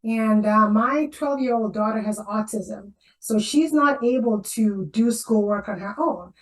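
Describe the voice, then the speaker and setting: A woman in her forties, a guest in a casual interview over a video call, animated and laughing often, repeating phrases for emphasis. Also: a little high, unhurried, poor audio. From Zambia.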